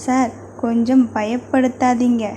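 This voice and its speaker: A woman's voice: on the high side, flat delivery, unhurried, mellow, a little hiss or hum, natural voice. A woman voicing a shy, lovestruck young woman who speaks timidly and stammers, in an audio novel reading.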